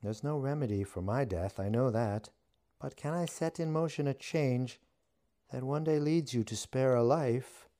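A man voicing a witch who speaks deadpan and teasing, with a wry edge. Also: mid-range voice, measured pace, pitched above the performer's own voice, natural voice. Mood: earnest. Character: wry, deadpan witch facing death, woman.

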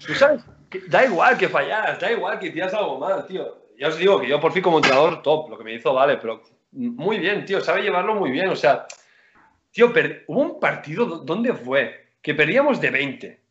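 A man, a basketball player chatting as a guest in an interview, animated, rambling and slangy. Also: a little high, brisk. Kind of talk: casual interview chat. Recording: roomy, dull lo-fi sound.

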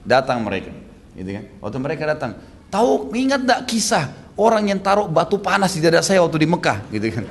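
A man preaching a sermon in a casual storytelling way, acting out the quoted lines with a raised voice and dropping back after each. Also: brisk. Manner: lively, acts out quoted lines with raised pitch; casual with frequent tag phrases. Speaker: Islamic preacher.

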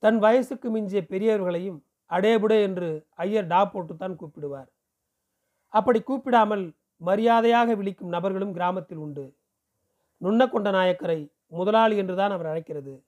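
A man from Pondicherry reading a novel aloud in a steady storytelling delivery. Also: high voice, normal speed. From Pondicherry, India. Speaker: audiobook reader.

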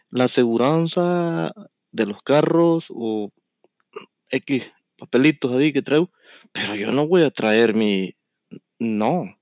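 A man's voice: fairly high pitch, dry recording. A man rambling through a heated call-in chat, stumbling over words and swearing as he explains himself. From United States. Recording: tinny phone line, dry.

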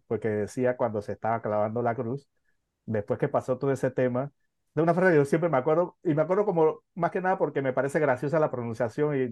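A man's voice: medium pitch, darkish tone, no room sound. Hesitant man chatting on a film podcast. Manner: hesitant, many fillers and restarts. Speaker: podcast co-host. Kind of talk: casual film podcast chat.

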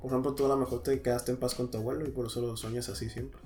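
A woman in casual chat, telling stories in a quick, chatty way. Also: very deep voice, little pitch movement, warm tone, faint music behind.

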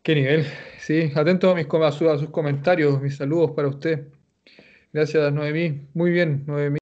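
A man with a Chilean accent, teaching Japanese and giving relaxed, joking feedback in an online class. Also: on the high side, moderate pace, highs cut off. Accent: Chilean Spanish.

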